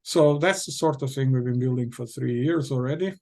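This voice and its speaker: A middle-aged company founder with a Portuguese accent chats casually as an interview guest. His medium-pitched, darkish voice moves briskly, though he hesitates a lot, using many fillers and restarting sentences.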